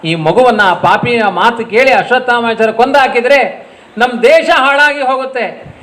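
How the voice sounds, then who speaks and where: A man's voice: very high voice, normal speed, a bit bright. A man in a sermon voicing a desperate pregnant princess begging a god for help, chanting a prayer.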